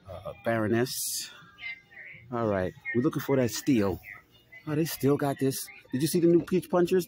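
A man's voice: medium pitch, a little mellow. A man, ranting as he films a casual walk-through vlog inside a retail store, swearing and stammering over repeated words. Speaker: toy collector vlogger.

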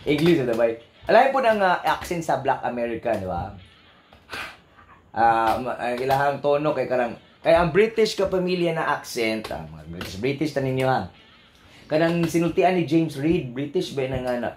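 A man's voice: medium pitch, very animated, normal speed, roomy sound, a little hiss or hum. A man with a Cebuano Filipino accent hosting a casual radio show, playfully mimicking foreign accents and laughing often. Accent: Filipino, Cebuano-speaking. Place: radio studio.

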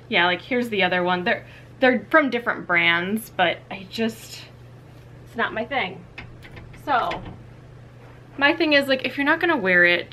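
With a little hiss or hum in the recording, a young woman talks in a medium-pitched, sharp-toned voice. It's a casual closet clean-out vlog shot in a small walk-in closet, aimed at a tripod camera a few feet away, chatty, candid and full of "like" and "you know."

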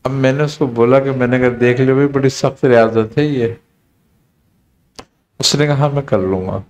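A man, a spiritual teacher, telling a story in a relaxed conversational talk and acting out the quoted dialogue. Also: medium pitch. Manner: unhurried, recounting with quoted dialogue.

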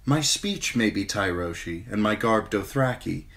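A man voicing a young exiled princess, speaking softly and measuredly with quiet authority. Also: fairly low pitch, lively intonation, a little slow. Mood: gracious. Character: young exiled princess, gentle but commanding woman.

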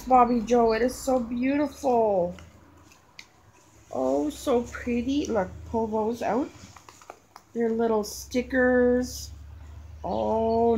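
A middle-aged woman chatting casually at home as she unboxes crafts with a child, coaxing gently and gushing over every detail. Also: a little high. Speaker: crafting channel host. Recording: clear background noise.

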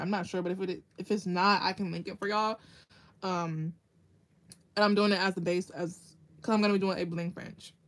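A woman hosting a casual nail art tutorial livestream, chatting with viewers by name and laughing often as she works. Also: lowish voice.

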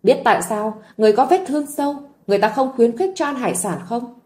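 A woman's voice: on the high side, animated, fast, a little mellow, close to an everyday voice. A woman voicing a vengeful young wife who speaks in a cold, mocking, harsh way.

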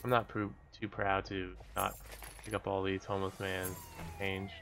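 A man's voice: deep voice, little pitch movement, normal speed, vocal fry. A man giving casual, offhand let's play commentary in short remarks as he plays. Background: game music.

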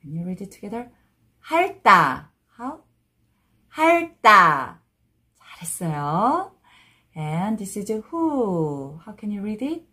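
Slow, lively-voiced woman teaching pronunciation. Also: mid-range voice, slightly rough. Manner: repeats model words slowly for learners, mixing English with Korean; encouraging, praises learners often. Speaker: Korean language teacher. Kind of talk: pronunciation lesson.

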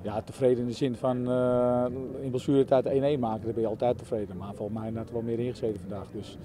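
A football coach from the Netherlands gives a quick post-match interview outdoors, his words tumbling out in halting bursts full of fillers. His voice is mellow and rapid, with faint traffic noise behind him. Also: mid-range voice, little pitch movement. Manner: halting, many fillers and restarts.

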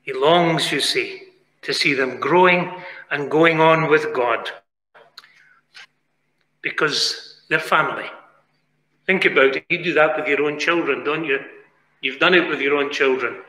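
A British man preaching a sermon in a chapel, pleading earnestly, moving from quiet asides to raised, emphatic lines. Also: on the high side, unhurried, long pauses. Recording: echoey chapel with long reverb.

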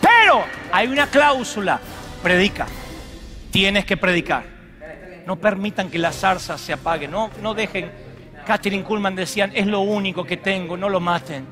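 A middle-aged man preaching a sermon as pastor, swinging from loud shouts to hushed tones. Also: high voice, steady tone, normal speed, music in the background. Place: large church auditorium.

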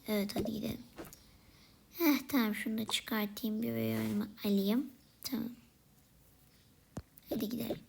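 A woman voicing a pair of playful baby sisters in a comedic role-play vlog, often in a whispery, hushed way. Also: a little high, steady tone, normal speed, creaky, long pauses, background noise. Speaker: vlogger voicing toy siblings.

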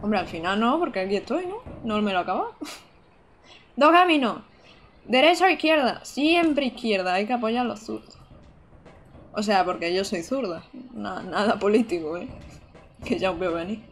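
A woman's voice: medium pitch, lively intonation, moderate pace, long pauses, slight background noise. A woman, streaming a video game live, chatting casually, laughing often and reading chat aloud.

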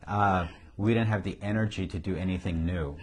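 A middle-aged pastor with a Syrian accent sits on a couch in an office, speaking about ministry into a lapel mic. His deep, husky voice is fairly even in intonation and brisk, and he talks casually yet emphatically, repeating key phrases and chuckling.

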